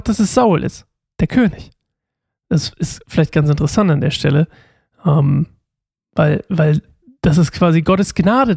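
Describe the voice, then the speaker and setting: A man's voice: sits high, vocal fry, a little mellow, no echo, clean studio sound. A man reading a Bible story aloud and explaining it in chatty asides full of fillers.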